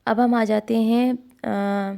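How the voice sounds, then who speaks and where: Woman, tutor, mellow dark tone, gravelly, slow explaining with fillers. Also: on the high side, flat delivery. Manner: explains slowly with many fillers, mixes English words. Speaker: Urdu tutor. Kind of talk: online class lesson.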